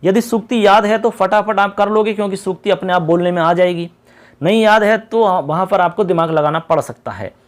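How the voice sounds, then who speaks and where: A man teaching an exam-prep lesson, patiently repeating key points and reading questions out slowly. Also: high voice.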